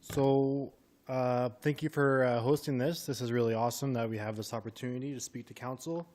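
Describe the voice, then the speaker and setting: A man giving public comment at a council meeting, halting with fillers, thanking the council. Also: mid-range voice, fairly even intonation, a little mellow. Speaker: citizen speaking at council meeting. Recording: distant from the microphone.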